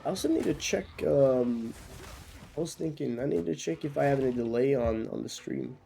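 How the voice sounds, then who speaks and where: A coughing young Norwegian man talks loosely with viewers as he streams a game, restarting a lot and using many fillers. He speaks at medium pitch and normal speed with a mellow voice and vocal fry, and there's a little hiss or hum in the audio.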